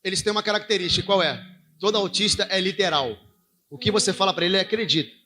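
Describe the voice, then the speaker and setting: A man's voice: high voice, quick pace, sharp tone. A married man preaching a sermon, telling a story to his congregation in a conversational way and calling listeners brother and pastor. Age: adult, married father.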